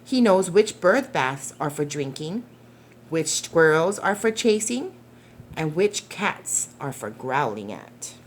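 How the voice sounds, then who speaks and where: The storytime reader, a woman whose voice is slightly low, shares a picture book with small preschool children, speaking gently and very slowly with expressive phrasing. She stays deliberate, putting questions to the kids, while noticeable background noise carries on.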